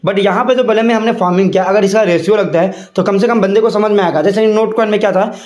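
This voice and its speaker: A man's voice: sits high, steady tone, fast talker, darkish tone, reverberant. A man, chatting casually as a crypto video host and filling his talk with repeated fillers. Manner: chatty, repeats "ठीक है" and "यहाँ पे". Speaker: crypto YouTuber. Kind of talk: casual explainer vlog.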